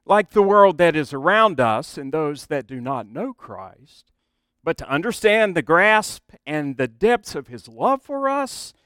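A man's voice: a little high, sing-song, measured pace, a bit bright, clear, resonant tone, no room sound. A middle-aged man preaching a sermon as a pastor, conversational, with asides to the congregation.

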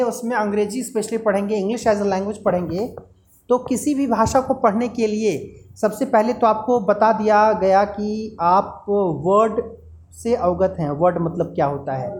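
A woman teaching a lesson in Hindi with terms, explaining step by step and repeating key terms. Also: mid-range voice. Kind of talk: classroom lecture.

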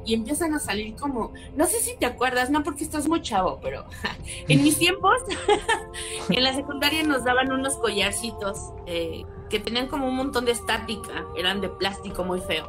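Mexican woman telling a ghost story. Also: normal speed. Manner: animated, acts out quotes with sudden high exclamations. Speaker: guest storyteller. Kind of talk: casual storytelling chat. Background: background music.

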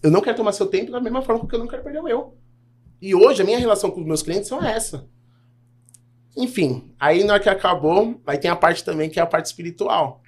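Fast-talking man telling a story. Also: high voice. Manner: animated, acts out dialogue while telling a story. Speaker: health insurance broker, podcast guest. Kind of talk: casual storytelling.

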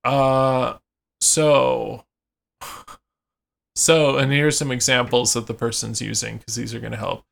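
Man, podcast host, casual chat, gravelly fry in the voice, medium pitch, loose and filler-heavy. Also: flat delivery, slow, long pauses, a bit bright. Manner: reads out phrases, then explains them with many fillers.

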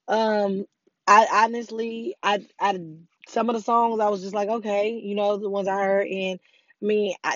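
A woman's voice: medium pitch, dry recording, lo-fi sound. A woman vlogger, talking casually and frankly with plenty of profanity while her voice is still recovering. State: recovering from voice loss. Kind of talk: casual opinion vlog.

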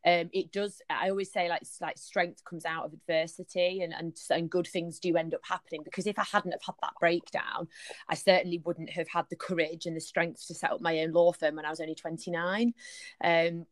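A woman's voice: lowish voice, little pitch movement, fairly quick, no echo. A woman in her early thirties with a Yorkshire accent, talking in a chatty, open and informal way as an interview guest. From northern England, raised partly in Germany and Cyprus on army bases. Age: early 30s. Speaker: podcast guest, solicitor and law firm founder. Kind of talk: casual conversational interview.

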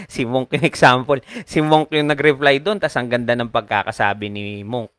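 A man's voice: medium pitch, normal speed, a bit bright, dry recording. A man co-hosting a casual podcast, giving his opinions in a reflective way and often asking for agreement. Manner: opinionated, reflective, asks for agreement with tag questions. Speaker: podcast co-host. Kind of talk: casual chat.

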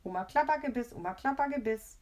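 A woman voicing a cheeky little boy who teases loudly in a sing-song way. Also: fairly high pitch, lively intonation, normal speed, natural voice. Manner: taunting, sing-song jeering.

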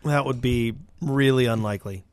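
A man's voice: medium pitch, normal speed, clear, resonant tone, no echo. A man and father co-hosting a casual podcast chat, chiming in with short, laid-back replies. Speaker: podcast co-host.

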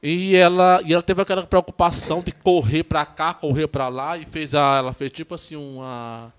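Chatty priest with a northeastern Brazilian accent. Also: male voice, on the high side, steady tone, clean tone. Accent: northeastern Brazilian (Ceará). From Ceará, northeastern Brazil. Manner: halting and repetitive, tags "né?" often, restarts. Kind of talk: casual podcast interview storytelling.

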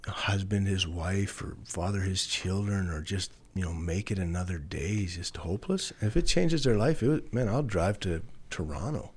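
A man's voice: sits low, normal speed, few pauses, a little mellow, husky. A man with a hillbilly drawl, telling stories and testimony in a folksy cowboy-preacher way as a podcast guest. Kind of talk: testimony storytelling in conversation.

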